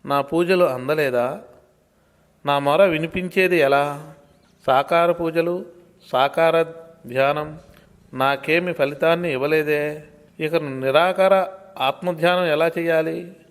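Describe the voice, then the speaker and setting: Slow, earnest man asking questions. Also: a little high, clear, resonant tone. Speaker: seeker asking a spiritual question. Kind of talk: read spiritual dialogue. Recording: long hall reverb.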